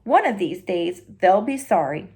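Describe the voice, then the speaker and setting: A woman's voice: medium pitch, very animated, a little slow, darkish tone, husky, heavily acted. A woman reading the lines of a proud, self-pitying male ranch dog in an indignant, dramatic manner. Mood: defiant.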